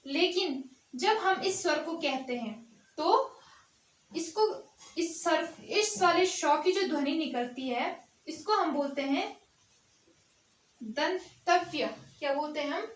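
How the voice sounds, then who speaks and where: A woman's voice: sits high, animated, slow pace, long pauses, far from the mic. A woman teacher giving a grammar lesson, explaining step by step and answering her own questions. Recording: echoey room, voice off-mic.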